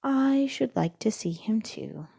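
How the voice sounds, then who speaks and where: Mother kangaroo for a storybook , female reader: gentle, indulgent, soft-spoken, husky and slow. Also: a little high, expressive, no room sound, studio quality, full character voice. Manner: soft, tender, measured. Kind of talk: storybook read-aloud.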